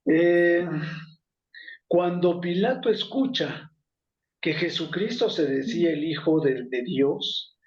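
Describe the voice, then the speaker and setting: A man's voice: on the high side, lively intonation, takes it slowly, darkish tone. Man, informal Bible study teaching, conversational with fillers, muffled lo-fi sound. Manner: conversational, many fillers and self-corrections. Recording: echoey room, muffled lo-fi sound.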